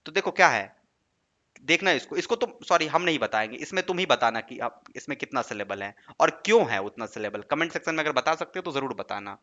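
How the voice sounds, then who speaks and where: A man teaches an online exam-prep lesson with screen writing, in a brisk, animated, mid-range voice that is bright and forceful. He coaxes his students, often checking in with questions like "right?", and the sound is lo-fi.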